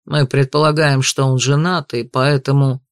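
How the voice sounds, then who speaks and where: A man's voice: mid-range voice, level tone, moderate pace, no room sound, clean studio sound, natural voice. A man voicing a young betrothed nobleman who speaks with restrained, bitter anger in an audiobook. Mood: angry. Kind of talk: audiobook dialogue reading.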